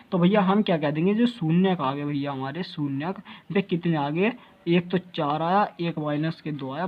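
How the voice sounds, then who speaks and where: A man's voice: high voice, muffled recording. Man teaching math, asks questions constantly. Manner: keeps asking rhetorical questions and calls listeners brother. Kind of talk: classroom math lecture.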